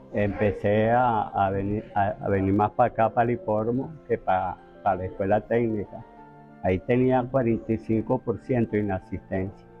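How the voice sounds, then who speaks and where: Older man, born in Italy, trainer telling anecdotes, soft music under, restarts a lot. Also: fairly low pitch, narrow, tinny audio. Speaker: racehorse trainer. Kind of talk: interview storytelling.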